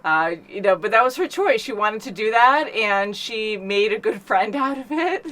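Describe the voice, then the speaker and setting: A woman's voice: a little high, lively intonation, unhurried, a bit bright. A woman hosting a movie reaction, chatting casually and rambling with many fillers. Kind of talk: casual chat.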